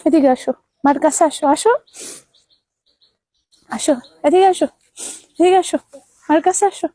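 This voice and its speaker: A woman's voice: high voice, moderate pace, dark tone, no room sound. A woman comforting crying children on camera, soothing and pleading, repeating short phrases. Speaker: vlogger comforting orphaned children. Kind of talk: emotional on-camera address.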